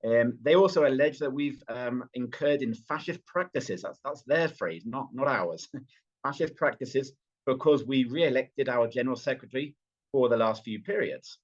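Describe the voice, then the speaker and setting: He's a British man, a party official, guesting on a podcast remotely, with some Venezuelan influence in his British accent. At medium pitch and a moderate pace, he speaks fluently yet with many fillers and restarts; the recording is muffled.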